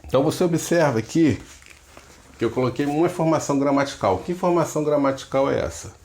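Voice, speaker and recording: A man's voice: a little high, expressive, fast, darkish tone. A middle-aged man, a pastor, giving a recorded Hebrew grammar lesson, explaining each step patiently and often checking in with short questions. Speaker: pastor teaching biblical Hebrew.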